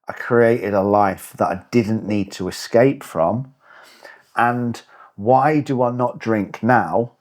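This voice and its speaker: A fitness and lifestyle coach in his forties hosts his own podcast, delivering a motivational monologue. His voice is low-leaning and slow, and he talks bluntly and emphatically, swearing for emphasis.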